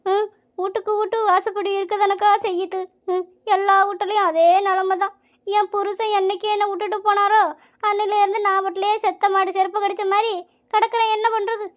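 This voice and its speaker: A woman's voice: sits high, brisk, a bit bright. A woman voicing grumbling old widow Pankajam. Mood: mournful. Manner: complaining, scolding. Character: grumbling elderly village widow, mother-in-law. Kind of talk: cartoon voice acting.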